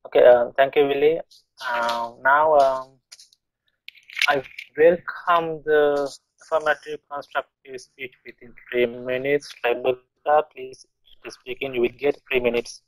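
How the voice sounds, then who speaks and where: A man's voice: medium pitch, steady tone, a little slow, a little hiss or hum, rough recording. A man hosting a podcast and chairing a student debate, speaking hesitantly with many fillers and restarts.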